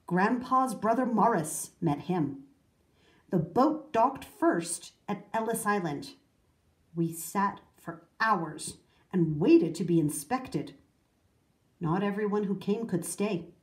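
A woman's voice: mid-range voice, expressive. Woman reading as an earnest old grandmother. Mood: solemn. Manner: solemn, measured telling. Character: earnest old grandmother recalling hard times. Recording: roomy echo.

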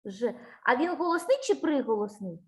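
A woman's voice: a little high, animated, moderate pace. A woman giving a one-on-one speech lesson to a child, patient and encouraging, asking many questions and singing out vowel sounds to demonstrate them. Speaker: speech teacher.

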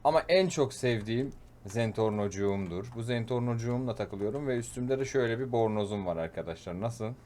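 A man giving chatty let's-play commentary, swearing jokingly and getting loud and panicky when things go wrong. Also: mid-range voice, lively intonation, brisk, slight background noise. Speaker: gaming YouTuber.

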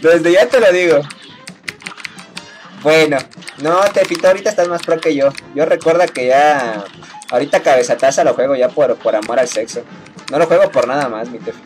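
A woman's voice: low voice, normal speed, a little mellow, faint music behind. A woman chatting casually with her viewers while she plays a video game, playful and teasing and laughing often. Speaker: game streamer. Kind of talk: casual live-stream chat while gaming.

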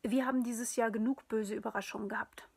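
A woman narrates a story in a hushed, often whispered voice. Her tone is breathy and sits a little high. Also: fairly even intonation, quick pace.

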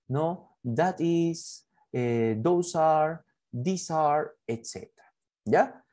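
A male English teacher explains a class project, speaking slowly whenever he models example sentences. His voice is dark and gravelly with a husky edge. The recording is dry and close. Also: medium pitch, dry recording. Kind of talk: explaining a school project in Spanish.

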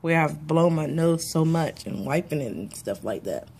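A woman in her forties with a stuffy head cold chats to her phone or webcam held at arm's length for a casual daily vlog, moving between office, car and home. Her voice sits low with a darkish, creaky tone, animated at a moderate pace, and she laughs easily. A little hiss or hum runs under the recording.

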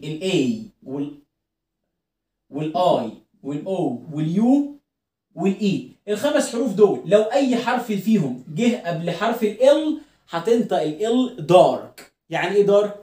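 A man's voice: sits high, darkish tone. Egyptian man teaching phonics, echoey room. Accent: Egyptian Arabic. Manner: drills words by repetition, asks the listener questions. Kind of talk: online phonics lesson.

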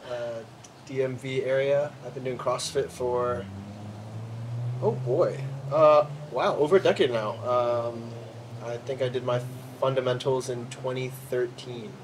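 A man in his twenties from Maryland, a relaxed, easygoing guest in a casual chat on an outdoor patio. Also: medium pitch, a little slow, noisy background. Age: 20s.

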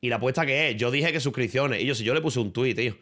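A man's voice: medium pitch, fast talker, a bit bright. A streamer man from Spain with a Spanish accent, talking off the cuff in his room. He rambles loosely and swears freely, mixing in street slang as he addresses his viewers and a friend. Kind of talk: casual livestream chat.

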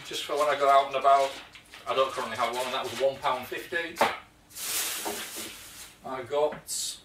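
A man's voice: a little high, background noise. Chatty British man in an echoey workshop. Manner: chatty, rambling with fillers and restarts. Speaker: woodworking video host. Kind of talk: casual show-and-tell vlog. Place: home workshop, indoors. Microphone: camera mic from a few feet away. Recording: echoey workshop, distant mic.

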